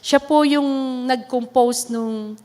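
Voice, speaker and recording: A high-pitched woman with a Filipino accent preaches an earnest testimony, slipping between English and Tagalog with soft laughs. Her voice rings with the long reverb of a church hall. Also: steady tone, takes it slowly. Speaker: pastor. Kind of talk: sermon testimony.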